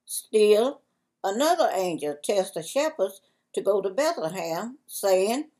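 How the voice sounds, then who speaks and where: Older southern lady reading a church devotion real slow, careful, lapel mic. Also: medium pitch, very animated, dark tone, rough recording. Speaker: devotion reader. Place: church library with bookshelves.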